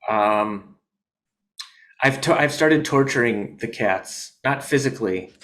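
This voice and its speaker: A male comedian, joining a casual interview by video call from his home in New York, rambles with deadpan jokes and lots of filler words. His voice is medium in pitch and slow.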